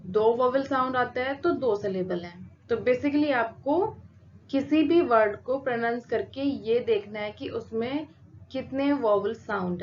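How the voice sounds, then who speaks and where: A woman teacher explaining a lesson slowly and patiently, repeating each example word. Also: a little high. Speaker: English teacher. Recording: dull lo-fi sound with faint noise.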